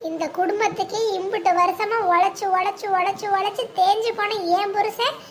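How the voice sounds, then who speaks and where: High-voiced performer as a fierce young wife, cartoon family drama, combative scolding, very shrill, faint hiss. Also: steady tone, normal speed. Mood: furious. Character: fiery young wife defending her husband.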